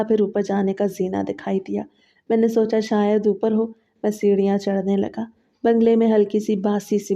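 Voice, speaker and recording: Dark, flat-voiced woman storyteller. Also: mid-range voice, muffled recording. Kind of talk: scripted first-person horror narration.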